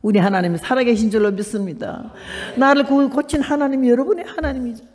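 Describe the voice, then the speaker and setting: An older woman missionary giving a church testimony, telling her story with animated acted-out dialogue in a high voice. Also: fast. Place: church hall. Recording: echoey hall reverb.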